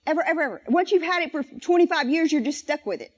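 A woman preaches in a high voice, drawing the congregation into call-and-response and slowing down to stress each verse. The recording is dull and lo-fi. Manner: animated, slows down to stress scripture and leads the crowd in repeating lines.

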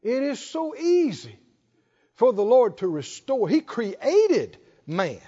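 A man's voice: very high voice, wildly swooping pitch, slow, dark tone, dull audio. A male pastor preaching a sermon, emphatic, prompting the congregation with short questions.

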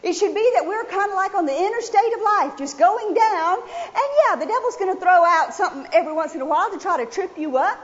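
A woman preaching a sermon, telling a personal story in a folksy, animated way. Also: very high voice, fairly quick. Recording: dull sound with long hall reverb.

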